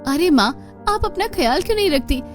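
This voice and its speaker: Sweet hardworking cartoon girl, high voice, earnest, faint music behind. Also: lively intonation, a little fast. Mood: caring. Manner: earnest, gentle, pleading. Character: hardworking, kind, poor young woman. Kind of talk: cartoon voice acting.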